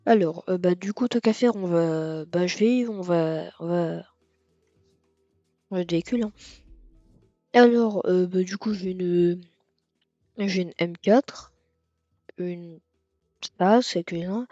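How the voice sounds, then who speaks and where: A man giving casual let's-play commentary on a racing game, rambling and hesitant with lots of fillers and sudden excited outbursts. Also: sits high, slow, long pauses, dry recording. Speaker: gaming video creator. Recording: dull lo-fi mic with faint music.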